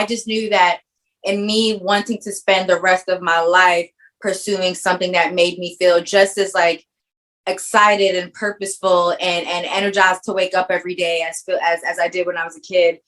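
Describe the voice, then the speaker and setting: A woman filmmaker with a Caribbean background, raised in New York, answers interview questions in a somewhat low voice. She speaks earnestly and reflectively, thinking aloud with fillers as she goes. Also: flat delivery, moderate pace, a bit bright, low-quality recording. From Caribbean background, grew up in New York. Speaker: filmmaker guest.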